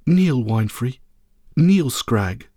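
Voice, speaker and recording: A man's voice: mid-range voice, expressive, slow pace, mellow, dry recording, studio quality. A man reading a story aloud, voicing a regal woman who rules by light, speaking in a solemn, ceremonial way. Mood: commanding. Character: regal commanding woman, radiant ruler of light.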